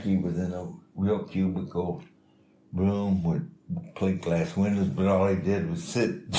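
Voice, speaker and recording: An older man telling life stories in a casual, rambling, halting way, as an interviewee. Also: low-pitched, darkish tone. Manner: rambling, halting, chuckling delivery. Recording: echoey room with faint noise.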